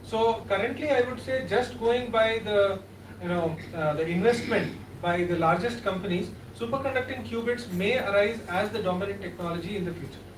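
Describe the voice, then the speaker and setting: High-voiced Indian man in an echoey hall. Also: moderate pace. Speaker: panelist. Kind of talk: unscripted technical explanation at a panel discussion. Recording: echoey hall, distant mic, noisy.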